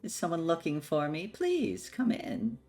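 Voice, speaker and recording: A man voicing a creepy hag who invites visitors into her lair, her voice soft and inviting. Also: a little high, wildly swooping pitch, a little slow, soft background music, pitched above the performer's own voice, exaggerated voice. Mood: creepy welcoming. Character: creepy hag woman in bone dress.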